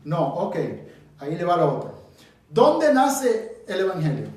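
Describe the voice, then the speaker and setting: A Bible teacher from the Dominican Republic leads an interactive study, quizzing his group and driving his points home emphatically in Dominican-accented Spanish. His high-pitched voice is sing-song, unhurried and a little mellow, heard from far off in an echoey room.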